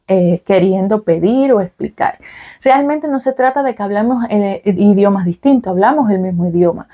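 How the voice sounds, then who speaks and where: A young Cuban woman vlogs casually to the camera in a mid-range, dark-toned voice with a Cuban Spanish accent. She explains things with plenty of fillers and checks in with "ok?"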